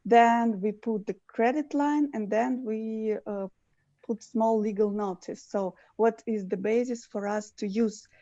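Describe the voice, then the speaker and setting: A woman's voice: a little high, steady tone, a little slow, warm tone, no echo. A woman with a Russian accent, a lawyer giving a hesitant online presentation with many fillers. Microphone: video call. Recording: muffled video call audio.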